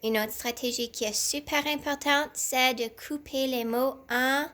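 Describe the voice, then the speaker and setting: A woman teaching young children to read from her home sounds out syllables one at a time, speaking slowly and deliberately. Her voice is high-pitched, steady and a bit bright.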